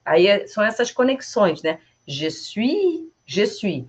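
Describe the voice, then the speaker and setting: A middle-aged woman from Brazil giving a casual online French lesson, chatty and animated, repeating French phrases slowly and laughing often. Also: mid-range voice, breathy edge. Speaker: French teacher. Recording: slightly dull lo-fi sound.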